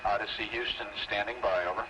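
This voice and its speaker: A man's voice: fairly low pitch, steady tone, fast talker, lo-fi sound. Guy on a crackly walkie-talkie style radio link, clipped call-and-answer, noisy old archive recording. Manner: clipped radio procedure talk. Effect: crackly two-way radio transmission. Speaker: mission radio communicator. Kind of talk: live space mission radio exchange.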